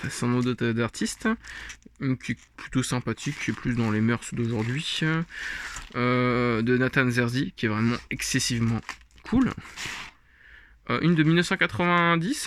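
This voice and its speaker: A man talks through his comic collection in a loose, rambling way, dotting his speech with fillers and small laughs. His voice sits at an ordinary pitch but sounds bright and a little tense. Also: slight background noise. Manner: rambling, chuckling, many fillers. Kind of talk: casual show-and-tell vlog.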